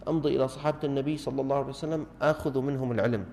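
A middle-aged man with a Damascene Arabic accent giving an animated religious lesson to a gathering, full of rhetorical questions and teasing mimicry. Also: medium pitch, racing, gravelly, slight background noise. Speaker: religious teacher. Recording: long hall reverb.

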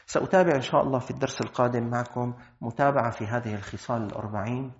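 Brief: Syrian man teaching a religious lesson, quick-paced and lively, dull lo-fi sound. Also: mid-range voice. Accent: Syrian Arabic. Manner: lively, acts out everyday dialogues.

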